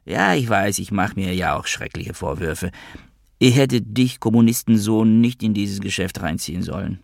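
A man's voice: lowish voice, normal speed, vocal fry, dry recording, studio quality. A man reading an audiobook, voicing a teasing, sarcastic male friend on the phone. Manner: sarcastic, needling.

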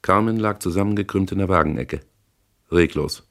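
A man narrating a first-person crime novel in a measured, dry, hard-boiled way. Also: deep voice, fairly bright tone. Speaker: audiobook narrator.

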